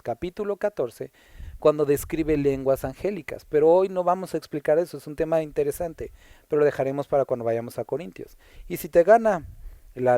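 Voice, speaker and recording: A Mexican pastor with a Puebla Spanish accent teaches the Bible verse by verse in a conversational way, pausing for rhetorical questions. His mid-range voice is mellow, and the recording is clean studio sound with no room echo.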